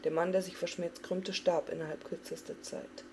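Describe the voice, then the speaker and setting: A woman giving an expressive, dramatic reading of a fantasy novel. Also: lowish voice, moderate pace, background noise. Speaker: audiobook reader.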